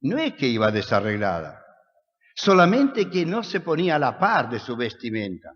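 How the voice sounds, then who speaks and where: A man with an Argentine accent preaching a sermon, asking rhetorical questions and swinging between soft and loud. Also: medium pitch, huge pitch swings, normal speed. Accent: Argentine Spanish. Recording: echoey hall, dull lo-fi sound.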